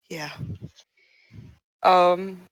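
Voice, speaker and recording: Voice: medium pitch, bright, forceful tone, no echo, poor audio. A tired player in a tabletop game, talking in a sleepy, rambling way. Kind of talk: casual chat at a tabletop game.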